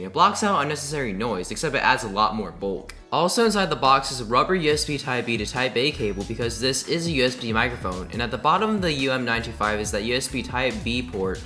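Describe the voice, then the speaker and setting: A man's voice: medium pitch, pushed and bright. A man giving a scripted, upbeat product review into a desk microphone. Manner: upbeat, enthusiastic. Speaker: tech reviewer. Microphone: desk USB condenser mic. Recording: roomy echo, faint music.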